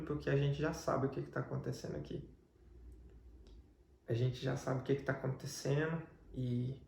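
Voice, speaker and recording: A guest with a Brazilian Portuguese accent recounts his life story as a religious testimony, in a relaxed storytelling style. His mellow voice leans high, and the recording carries a reverberant echo.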